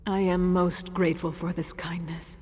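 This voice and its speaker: A husky, echoing female ghost. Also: lowish voice, little pitch movement, normal speed, darkish tone. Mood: solemn, grateful. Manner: formal, earnest. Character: grateful female ghost of a tormented victim, solemn, earnest. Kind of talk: fantasy video game character dialogue. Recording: long reverb, dull sound, music behind.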